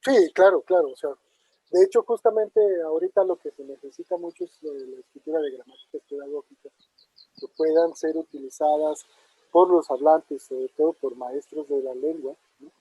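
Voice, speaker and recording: A man's voice: fairly high pitch, moderate pace, dark tone, breathy edge, no room sound. A man answering audience questions in a casual academic talk, thinking aloud with many fillers and tag questions. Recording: dull muffled online talk audio.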